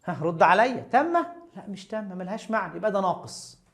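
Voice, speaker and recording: A woman with an Egyptian accent, teaching an Arabic grammar lesson in a lively, coaxing way and talking straight to her students. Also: medium pitch, fast talker. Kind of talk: casual explanatory lesson.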